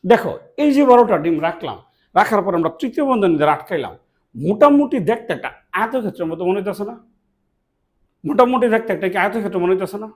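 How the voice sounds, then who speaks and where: Speaking quickly in a high, expressive voice, a man from Bangladesh runs a classroom math lesson. He keeps asking questions only to answer them himself, repeating the key words as he goes.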